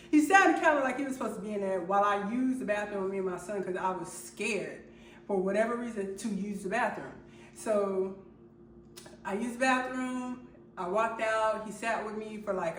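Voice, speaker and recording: A woman vlogger telling a personal story in a halting way, with many fillers and restarts. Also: mid-range voice, a little hiss or hum. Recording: roomy sound from a distant mic.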